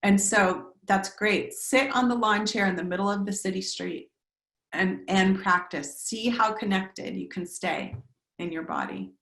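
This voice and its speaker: A woman meditation teacher speaking gently and reflectively, in a voice of middle pitch. She slows down to list words one after another. The recording has a roomy echo. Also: vocal fry. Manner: gentle, reflective, lists words in slow cadences. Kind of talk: teaching talk on a video call.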